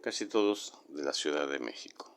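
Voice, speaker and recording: A man from Mexico City with a Mexican accent, reading a horror legend aloud in a measured, dramatic way. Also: a bass voice, expressive. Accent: Mexican Spanish. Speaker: storyteller.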